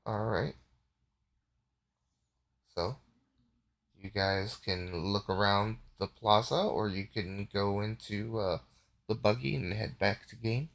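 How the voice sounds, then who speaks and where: A man narrating casually as game master, relaxed, with frequent fillers and easy laughter. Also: fairly low pitch, slow pace, vocal fry, pauses often.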